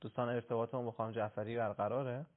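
A man's voice: mid-range voice, level tone. A man hosting a radio call-in show, speaking formally and courteously to callers. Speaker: radio host. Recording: narrow lo-fi radio sound.

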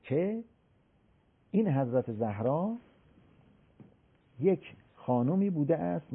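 A man explaining a religious text in an interview, slowly reciting scripture and acting out the people he quotes. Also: medium pitch, gravelly, slightly rough. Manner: animated, acts out the people he quotes. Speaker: religious scholar explaining hadith. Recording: tinny phone-like sound.

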